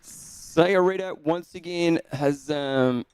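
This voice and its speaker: Male commentator, relaxed and loose, clean resonant voice, dry booth sound. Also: on the high side, slow, clean tone, no echo. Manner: casual, lots of fillers like "like" and "you know". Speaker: race commentator. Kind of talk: live trail race commentary.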